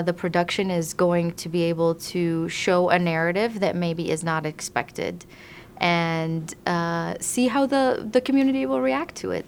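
A woman from Iraq, an immigration attorney, answering interview questions thoughtfully with frequent pauses and restarts. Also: lowish voice, a little hiss or hum.

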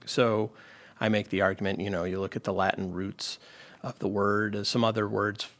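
A man's voice: lowish voice, little pitch movement, moderate pace, a bit bright. A man explaining law as a radio guest, lecturing with frequent restarts and fillers. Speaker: legal expert guest.

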